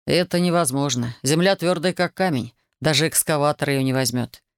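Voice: mid-range voice, moderate pace, smooth, no echo, natural voice. A reader voicing a tired, reluctant wounded young soldier, in a dry studio audiobook recording. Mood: weary. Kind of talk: audiobook character voice.

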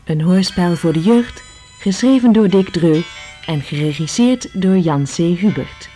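A woman's voice: fairly low pitch, animated, a little slow, dark tone, faint music behind. A woman announcing a youth radio play in a formal manner.

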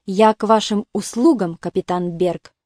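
A woman's voice: mid-range voice, normal speed, darkish tone, no room sound, clean studio sound, voice pushed down, natural voice. A woman voicing a lazy, coldly dismissive young male prince.

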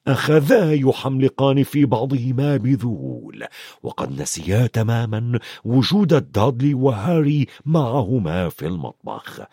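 A man narrating a storybook in an expressive, varied reading. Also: medium pitch, moderate pace, breathy edge, no echo, clean studio sound. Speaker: audiobook narrator.

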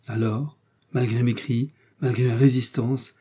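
A man's voice: medium pitch, level tone, a little slow, warm tone, slightly rough. A man voicing a cunning, seductive noblewoman in an audiobook, declaiming with theatrical passion. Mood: anguished. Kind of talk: audiobook character reading.

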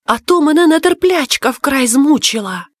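A woman's voice: sits high, animated, normal speed, no room sound. A woman voicing a curious, wide-eyed little boy in a storybook reading, eager and wondering.

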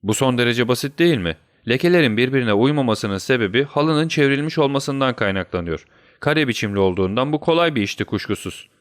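A man voicing a sharp, commanding middle-aged detective who gives brisk orders in a storybook reading. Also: medium pitch, expressive, smooth, dry recording, clean studio sound, close to an everyday voice. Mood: assured. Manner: brisk and directive.

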